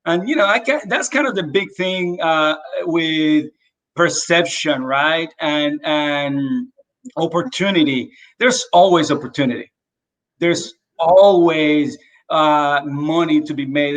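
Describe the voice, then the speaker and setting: Poor audio carries the fairly high, slightly bright voice of a Dominican man on a video call. A real estate agent being interviewed, he relates his story with animation and plenty of fillers.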